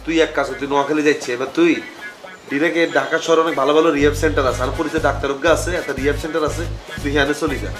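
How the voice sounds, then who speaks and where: A man's voice: on the high side, steady tone, racing, a bit bright, soft background music, close to an everyday voice. A man playing a stern scolding older brother. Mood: lecturing. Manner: scolding, lecturing, bursts of anger. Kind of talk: TV comedy drama acting.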